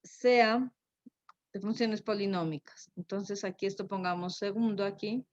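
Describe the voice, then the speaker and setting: A woman teaching a math lesson, unhurried and thinking aloud, often checking in with a quick tag question. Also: medium pitch. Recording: dull lo-fi recording.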